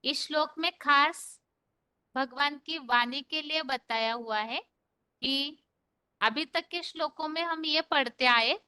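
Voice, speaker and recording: Woman, scripture teacher, patient explanations, crisp bright voice, dry close sound. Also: sits high, no room sound. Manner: patient, explanatory, recites verses slowly. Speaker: Gita class teacher. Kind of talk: online scripture class.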